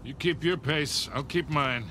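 Gruff older American adventurer acted by a man. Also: medium pitch, a little slow, noisy background, lightly acted. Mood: dry, teasing. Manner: gruff, dry, wisecracking. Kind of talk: naturalistic video game acting. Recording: game music behind the voice.

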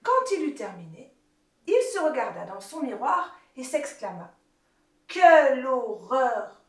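A woman's voice: high-pitched, wildly swooping pitch, normal speed. A woman storyteller reading a children's story aloud expressively. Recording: roomy, distant, ukulele music behind.

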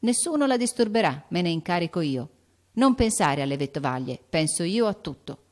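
A woman's voice: lowish voice, big pitch swings, normal speed, darkish tone. A woman voicing a cheerful, playful teenage boy's letter in an audiobook. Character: cheerful rich teenage boy writing a letter. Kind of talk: audiobook character voice.

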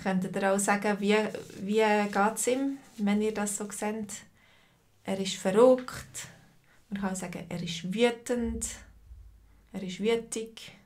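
A woman's voice: medium pitch, steady tone, takes it slowly, darkish tone. A woman teaching a live online language lesson over a video call, patiently greeting students by name and asking how they feel.

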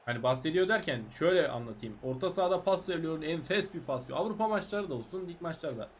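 A man commentating his own football video game career in casual, frustrated bursts, urging his players on and yelling when chances are missed. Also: fast talker, a little hiss or hum. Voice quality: high-pitched, animated. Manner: shouts at players, frustrated, breaks into excited yells. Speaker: gaming YouTuber. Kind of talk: excited live game commentary.

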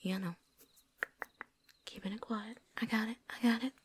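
A woman's voice: fairly high pitch, fairly even intonation, normal speed, noisy background, lightly acted. A woman voicing a chatty, folksy veteran vampire hunter with a put-on drawl and casual slang, talking around something in her mouth, in a whispered role-play. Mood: chatty, wry.

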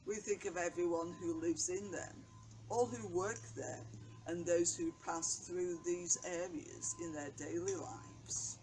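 A woman's voice: lowish voice, steady tone, a little mellow, soft background music. An older woman vicar reading a daily reflection and prayers from her notes, seated outdoors. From England. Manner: slow, measured reading from notes. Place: outdoors by a brick wall on a bench. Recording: noisy outdoor recording.

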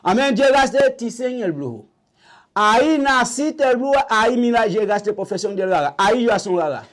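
Older Haitian-accented man, high-pitched, halting and repetitive; vodou priest being interviewed. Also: expressive. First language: Haitian Creole. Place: small indoor shrine room.

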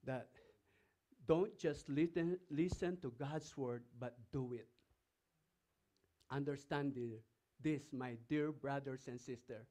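A man's voice: medium pitch, slow, long pauses, dark tone. A man with a Filipino accent preaching a sermon as pastor, reading scripture aloud and putting emphatic questions to the congregation. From Philippines. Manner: reads scripture passages aloud between remarks.

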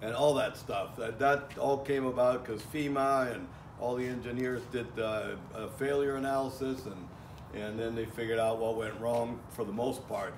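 Recorded from far away, with echo and faint ambient noise, a middle-aged man teaches welding outdoors in a relaxed lecture. He talks plainly at normal speed in a medium-pitched voice with fairly even intonation, often using fillers and starting over.

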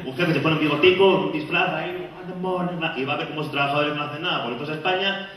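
A man León, in his thirties, performing a stand-up monologue and acting out the people in his jokes. His voice sits a bit high. He is picked up a distance in a cavernous, echoing venue with an audience and steady noise around him. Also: rapid-fire. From León, Spain. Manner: joking, acts out voices of people in his stories. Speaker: stand-up comedian. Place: stage before a live audience. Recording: echoey hall, far off, audience.

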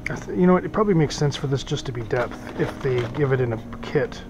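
A man's voice: mid-range voice, fast talker. A middle-aged man casually unboxing boat gear in a small office, thinking aloud with lots of fillers, recorded on a head-mounted camera. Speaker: boating vlogger.

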